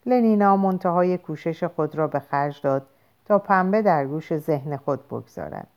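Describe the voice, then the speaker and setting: Expressive woman narrating a storybook. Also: low voice, muffled recording. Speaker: audiobook narrator. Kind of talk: scripted narration.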